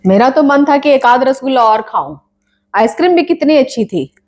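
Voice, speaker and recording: A woman playing a complaining, scolding mother in a comedy sketch, nagging in quick bursts. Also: sits high, lively intonation, darkish tone.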